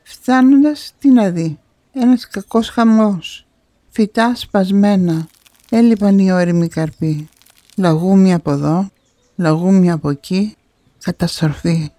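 A woman narrating a fairy tale in an expressive storytelling manner. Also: medium pitch, no echo. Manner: expressive, rising on key moments.

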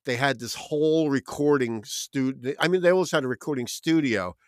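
A man's voice: medium pitch, normal speed, dry recording, studio quality. New Jersey man in rambling chat. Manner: rambling storyteller, reels off long lists. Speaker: podcast co-host. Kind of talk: casual chat.

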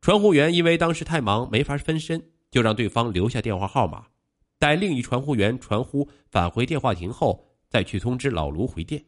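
Brief: male crime-story narrator, middle pitch, very lively intonation, animated delivery. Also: brisk. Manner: animated storytelling with rising emphasis.

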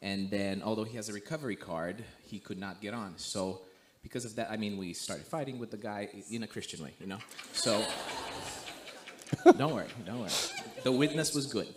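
Low-voiced young man from Romania. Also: moderate pace, slight background noise. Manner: relaxed storytelling with frequent "like" and "you know". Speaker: guest missionary. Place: church sanctuary.

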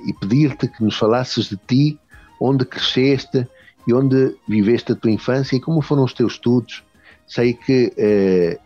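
A man hosts an interview, reading a long biography haltingly, with restarts and filler sounds. His voice sits fairly low and mellow. The audio is muffled and lo-fi, with faint music underneath.

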